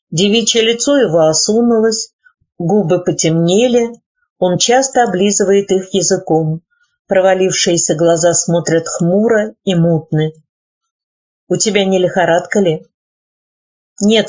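A woman narrating a literary audiobook in a measured, even manner, in a dull lo-fi recording. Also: fairly low pitch, slightly rough.

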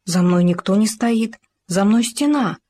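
A woman's voice: medium pitch, lively intonation, a little slow, warm tone. A woman voicing a timid, naive young male gopher who asks anxious, eager questions in a storybook reading. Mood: puzzled.

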